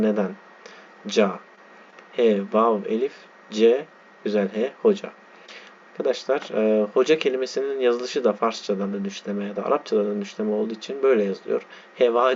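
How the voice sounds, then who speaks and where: Lower-voiced man teaching, dull lo-fi sound. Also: a little mellow. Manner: slow, spelling out letters and words. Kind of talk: reading and explaining a text. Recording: dull lo-fi sound with faint background noise.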